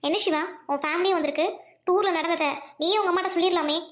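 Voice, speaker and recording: A woman's voice: very high-pitched, fairly even intonation, fast talker, roomy sound. A woman voicing a stern young female friend who speaks firmly and reproachfully, in an audio drama. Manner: firm, reproachful.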